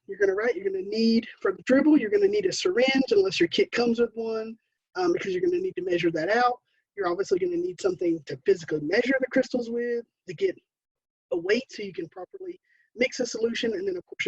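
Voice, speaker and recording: An American woman talks through a slideshow in a chatty, explanatory way, her voice husky with a gravelly edge. The sound is dull and lo-fi, like online call audio, and the room is dry. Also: a little high, darkish tone, no echo. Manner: chatty, explanatory, self-deprecating asides. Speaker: beekeeping educator. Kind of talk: webinar presentation with slides.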